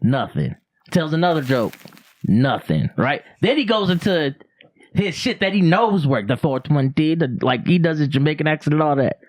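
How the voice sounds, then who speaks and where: Young guy podcast host, big swings in pitch, laughing thru a wild story. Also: moderate pace. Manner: animated, laughing, acts out voices in stories. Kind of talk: casual storytelling chat.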